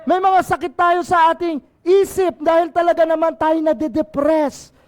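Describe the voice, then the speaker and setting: Man, Filipino accent, pastor, very high pitch, impassioned sermon. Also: little pitch movement, moderate pace. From Philippines. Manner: impassioned preaching, mixing in English, asking the congregation "Amen?".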